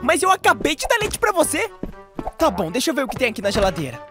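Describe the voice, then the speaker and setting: Wildly animated, exasperated cartoon cat. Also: male voice, extremely high pitch, quick pace, exaggerated voice. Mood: weary, grumbling. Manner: melodramatic, grumbling, swings from cooing to ranting. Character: exasperated male cartoon cat babysitter, sly and vengeful. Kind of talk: dubbed animation voice acting. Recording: music under the voice.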